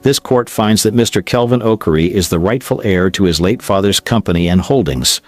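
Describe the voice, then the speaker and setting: A man's voice: on the low side, expressive, a little fast, no room sound, natural voice. A man voicing a stern, middle-aged judge who delivers a ruling in a firm, formal manner.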